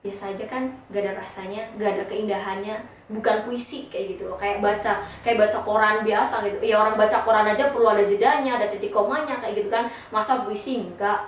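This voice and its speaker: A woman's voice: mid-range voice, fairly even intonation, quick pace, a little hiss or hum. A young woman explaining how to read poetry in a casual, chatty classroom style, with frequent informal filler tags. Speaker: poetry reading instructor. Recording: very echoey room, voice from a distance.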